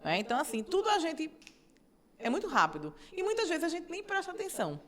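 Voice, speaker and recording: A middle-aged woman who is a judge appears as a guest in a conversational interview. Her voice is very high and quick, and she explains things animatedly, often checking in with tag questions.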